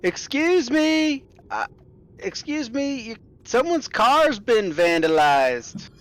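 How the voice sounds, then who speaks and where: A man's voice: extremely high pitch, very animated, slow, pitched above the performer's own voice, full character voice. A man voicing a female vampire who clumsily fakes an American accent, sounding awkward and overly polite. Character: woman vampire faking a bad American accent.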